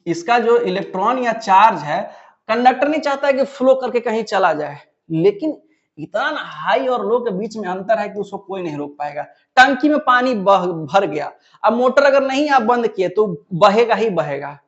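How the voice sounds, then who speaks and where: A man's voice: high voice, animated, moderate pace, highs cut off. A man teaching a physics lesson, who asks the class questions and then answers them himself. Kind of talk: classroom lecture.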